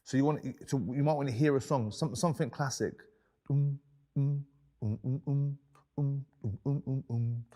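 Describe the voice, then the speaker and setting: A man's voice: mid-range voice, steady tone, normal speed, dark tone. A man teaching beatboxing in a loose, conversational way, often repeating words as he gathers his thoughts. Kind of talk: instructional talk.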